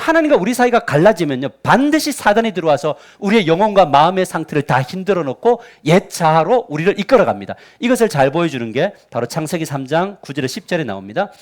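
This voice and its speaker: A male pastor preaching a Sunday sermon in a church, lively and quizzing his congregation with rhetorical questions. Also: high voice. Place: church sanctuary.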